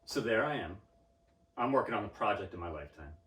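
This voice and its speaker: A man's voice: fairly low pitch, animated, fast talker, a bit bright. A man giving a pompous, self-important rant in a mock-serious interview, stammering through his restarts. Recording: roomy sound from a distant mic.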